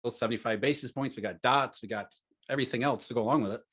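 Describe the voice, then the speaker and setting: A man's voice: medium pitch, fast, a bit bright, husky. A man hosting a casual financial podcast, making dry, sarcastic jokes and asides. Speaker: podcast host.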